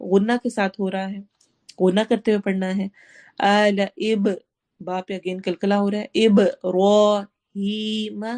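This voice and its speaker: Woman, Quran teacher, tajweed lesson, mellow tone, slow drawn-out recitation, explains each sound, mixes in English words. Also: medium pitch.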